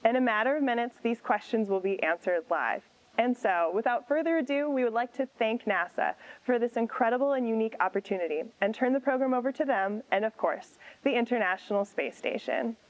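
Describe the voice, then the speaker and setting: Polished female host, slightly high voice. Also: fairly quick, highs cut off. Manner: formal, polished presenting. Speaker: event host, museum programs coordinator. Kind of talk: scripted opening remarks.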